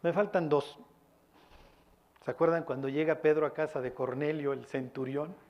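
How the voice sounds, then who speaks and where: Animated preacher, somewhat high voice. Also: male voice, moderate pace, highs cut off. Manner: animated storytelling, acting out quotes. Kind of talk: sermon.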